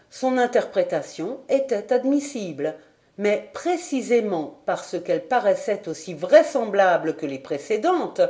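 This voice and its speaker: Slow, mellow woman reading an audiobook. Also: medium pitch. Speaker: audiobook reader. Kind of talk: audiobook narration.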